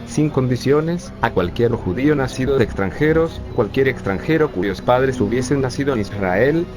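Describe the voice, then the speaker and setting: Over background music, a lightly acted synthetic male voice in the mid range narrates a script as an urban planning professor. He looks back on being a young refugee with bitterness and sarcasm.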